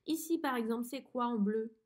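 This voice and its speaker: A woman teaching a dictation lesson to a young pupil, pronouncing each word slowly and clearly. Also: fairly high pitch. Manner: slow, clearly articulated teacher talk to a child. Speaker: primary school teacher.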